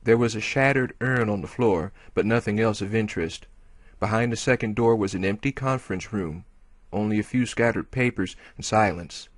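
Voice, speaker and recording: A man narrating an audiobook chapter in a steady storytelling manner. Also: on the low side, normal speed, dry recording. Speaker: audiobook reader.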